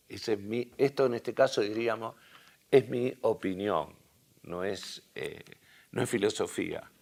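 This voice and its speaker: Hoarse, gravelly Argentine man lecturing. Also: sits low, darkish tone. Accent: Argentine Spanish. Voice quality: gravelly, halting with restarts. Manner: thinking aloud with tag questions. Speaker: university lecturer. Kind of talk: lecture to a class.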